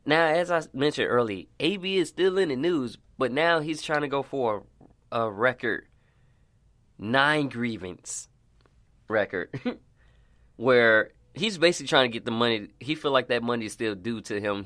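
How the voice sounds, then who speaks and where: A man's voice: medium pitch, normal speed, a bit bright, dry recording. A man co-hosting a casual sports talk show, playful and laughing often.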